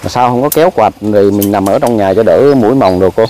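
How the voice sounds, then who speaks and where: A man with a low, warm voice talks casually outdoors. He is polite and agreeable, answering with frequent soft assent. Faint ambient noise sits under his voice. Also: quick pace, low-quality recording. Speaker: host. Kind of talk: casual chat. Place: outdoors in a rural yard.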